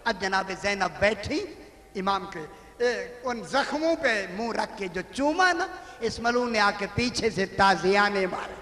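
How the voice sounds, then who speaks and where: High-voiced man lamenting in echoey hall. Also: bright, forceful tone. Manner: lamenting, with drawn-out cries of grief. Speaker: religious orator at a mourning gathering. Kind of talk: sermon with mourning recitation. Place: large hall at a mourning gathering. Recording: echoey hall with long reverb.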